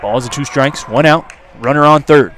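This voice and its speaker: A man with a mid-range voice calls live radio play-by-play of a baseball game at a moderate pace from an outdoor ballpark. The recording picks up the crowd and ambient noise around the stadium.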